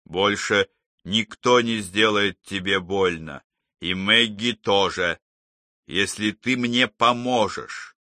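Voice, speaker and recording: A man's voice: fairly low pitch, takes it slowly, sharp tone, dry recording, studio quality. A man voicing a coaxing male psychologist. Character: calm, persistent male psychologist probing a patient.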